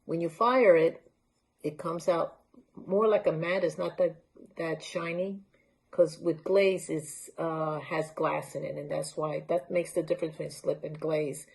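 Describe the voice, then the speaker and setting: A woman's voice: sits low, steady tone, a little slow, creaky, darkish tone. A woman from Honduras, presenting handmade crafts in a casual, unscripted show-and-tell talk and holding pieces up to the camera. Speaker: library art talk presenter.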